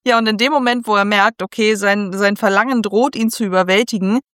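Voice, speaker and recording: A woman's voice: medium pitch, a little fast, no room sound, studio quality. A woman co-hosting a casual talk show, retelling a book scene and acting out the characters' lines. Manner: retells scenes with lively quoted voices. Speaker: podcast co-host. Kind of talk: casual book discussion with acted quotes.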